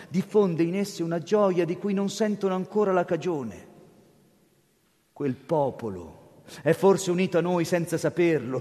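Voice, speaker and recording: A man's voice: on the high side, dark tone. A man reading as a fervent old cardinal. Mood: tender. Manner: impassioned, pleading preacher's cadence. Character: older male cardinal, gentle, fervent, humble. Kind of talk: dramatic reading of a classic novel. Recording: long hall reverb.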